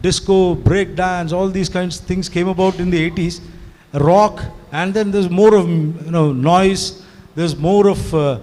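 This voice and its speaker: His voice is high and a little mellow: a Tamil-native man in his sixties organizing and speaking at a live event. He talks conversationally to the audience, rambling fluently in mixed Hindi and English with plenty of "you know"s, under long hall reverb.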